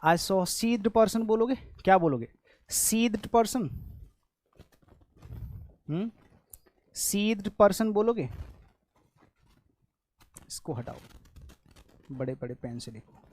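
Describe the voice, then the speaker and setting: A man's voice: sits high, slow, long pauses, a little mellow, dry recording. A man with an Indian accent teaching an English grammar lesson in Hindi, quizzing his students with repeated questions as he explains each word.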